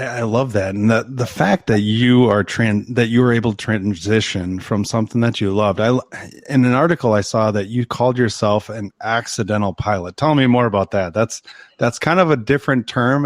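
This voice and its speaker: A man's voice: lowish voice, normal speed, no echo, studio quality. A man hosting an interview podcast, talking casually and eagerly with lots of repeated words and restarts. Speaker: podcast host, firefighter.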